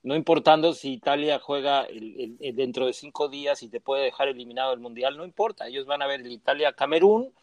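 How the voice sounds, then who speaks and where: A man's voice: mid-range voice, fairly quick, few pauses, no room sound. A man giving his opinions on football in casual panel talk. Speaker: sports panelist. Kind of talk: casual sports chat.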